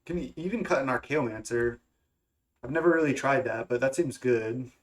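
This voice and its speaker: A young man with a stuffy, congested, mid-range voice speaks at a moderate pace as a gaming content creator. He thinks aloud casually about his card game choices, hesitating with plenty of fillers and restarts.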